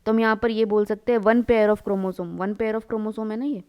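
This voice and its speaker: A woman's voice: mid-range voice, steady tone, unhurried, clean tone, highs cut off. A young woman teaching a biology lecture, drawing as she explains, asking her students questions, answering them herself, and slipping English terms into her Hindi. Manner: calls listeners "beta" and mixes English into the talk. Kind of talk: classroom lecture while drawing.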